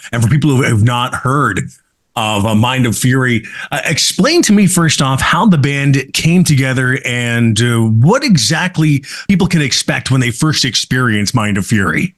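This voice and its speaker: A man's voice: mid-range voice, expressive, moderate pace. A man hosting a rock radio podcast, introducing his guest and asking questions in upbeat, chummy patter. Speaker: podcast host.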